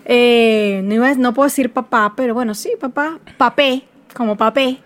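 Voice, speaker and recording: A woman's voice: on the high side, moderate pace. A woman with a Venezuelan accent, co-hosting a podcast in casual, teasing chat. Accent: Venezuelan Spanish. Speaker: podcast co-host.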